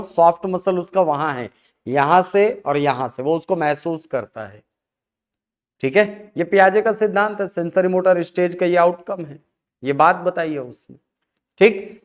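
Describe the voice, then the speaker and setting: Male teacher, fairly high and resonant voice, explaining step by step and answering his own questions. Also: unhurried. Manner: asks and answers his own questions, addressing students as sir. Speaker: Hindi teacher. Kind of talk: classroom lecture on phonetics.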